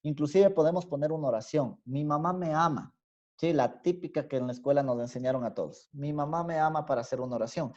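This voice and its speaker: A male university teacher with an Ecuadorian highland accent gives an online class lecture. He explains step by step and keeps checking in with a rising "¿sí?". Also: quick pace, darkish tone. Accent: Ecuadorian highland Spanish. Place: home room on a video call. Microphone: computer mic on a video call. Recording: dull, lo-fi video-call audio.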